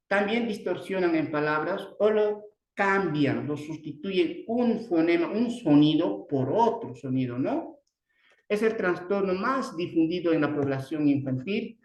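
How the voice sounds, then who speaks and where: A man with a Bolivian Spanish accent giving an online speech therapy lecture, halting often, restarting words and tagging sentences with a questioning "no". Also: a little high. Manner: halting, many restarts and "¿no?" tags. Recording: roomy echo.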